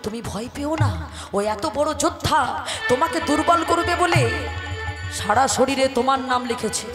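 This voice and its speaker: A woman's voice: sits high, animated, moderate pace. A woman voicing a grieving old father who pleads with his lord in a devotional story. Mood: urgent. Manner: pleading, sorrowful. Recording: echoey hall with music.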